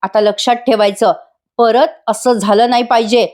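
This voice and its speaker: A woman's voice: on the high side, fairly even intonation, moderate pace, darkish tone, lightly acted. A woman voicing an angry young husband who scolds and warns his wife, read as part of a voice-over review. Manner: scolding, warning. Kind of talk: voice-over review re-enacting serial dialogue.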